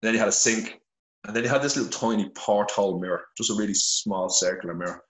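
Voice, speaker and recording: A man's voice: on the low side, fast, roomy sound, poor audio. A middle-aged Irish man with a blunt, earnest manner and heavy swearing, telling his story as a podcast guest over a phone. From Ireland. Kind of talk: candid conversational storytelling. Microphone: phone held to face.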